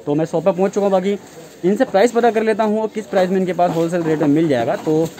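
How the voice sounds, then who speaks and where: A man's voice: sits high, fast talker, background noise. A man vlogging from a toy shop, casually repeating prices back to his viewers. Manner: echoes each price back, chatty asides to viewers. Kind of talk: casual market vlog, repeating prices to camera. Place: busy wholesale market shop, indoors.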